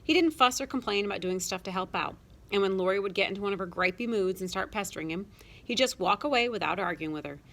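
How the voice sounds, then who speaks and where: A woman narrating a children's storybook with a lively, expressive reading. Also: medium pitch, fast. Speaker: audiobook narrator.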